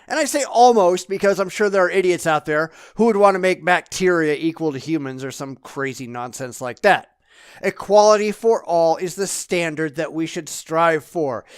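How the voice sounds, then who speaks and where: Male commentator, high smooth voice, blunt and profane, opinionated monologue. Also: no room sound, clean studio sound. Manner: blunt and combative, swears freely. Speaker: political blogger.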